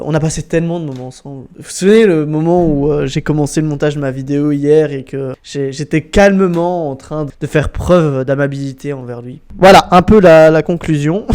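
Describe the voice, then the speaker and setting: High-voiced jokey gamer guy. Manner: energetic, jokey, swears a lot; mock English phrases with a French accent. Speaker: gaming YouTuber. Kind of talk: casual gameplay commentary. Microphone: desk microphone.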